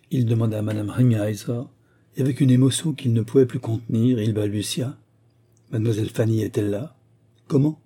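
Dark, husky male audiobook narrator. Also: fairly low pitch.

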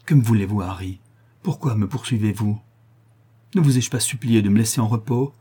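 A proud noblewoman torn by love, voiced by a man reading aloud. She speaks quietly and with feeling, in a low, mellow, slightly husky voice. It sounds like a storybook reading rather than a full performance. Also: fairly quick. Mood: reproachful.

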